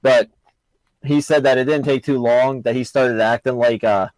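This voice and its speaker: A relaxed man co-hosting a sports podcast, retelling stories with easy laughter. His voice sits in a middle register and is recorded dry and close, with no room sound. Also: mid-range voice, moderate pace, no room sound, rough recording. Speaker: podcast co-host. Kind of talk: casual sports chat.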